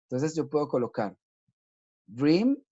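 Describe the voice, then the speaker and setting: Patient and methodical, an English teacher leads a recorded online class for kids, moving step by step and often asking "¿listo?" to make sure they follow. His mid-range voice is mellow and dark at a moderate pace, and the recording sounds dull and lo-fi.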